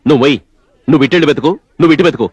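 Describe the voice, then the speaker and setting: A man's voice: fairly high pitch, very fast, husky, muffled recording. An actor playing a bossy man who calls out and orders others around while searching for a girl in a dubbed film comedy scene. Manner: calling out, giving orders.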